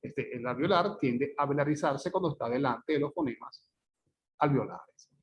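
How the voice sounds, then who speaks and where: A male teacher giving a phonetics lecture. He checks in often with his students and repeats example words slowly and carefully. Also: mid-range voice, muffled recording, background noise.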